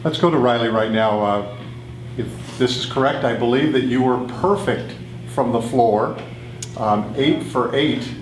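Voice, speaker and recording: A man moderating a press conference, asking halting, measured questions with fillers. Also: mid-range voice, echoey room, a little hiss or hum, rough recording.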